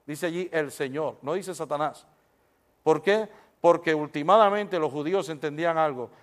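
High-voiced preaching man, emphatic. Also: moderate pace. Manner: emphatic preaching, rhetorical questions to the congregation. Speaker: pastor. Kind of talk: sermon.

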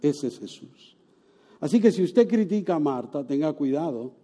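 Dark-voiced Spanish-speaking preacher, animated. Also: male voice, on the high side, moderate pace, husky. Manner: storytelling, animated, with sudden loud exclamations. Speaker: pastor. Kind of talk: sermon.

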